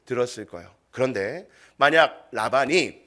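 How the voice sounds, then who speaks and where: A male pastor, preaching a sermon at a youth worship service in an animated storytelling way, often questioning the congregation. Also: mid-range voice, moderate pace.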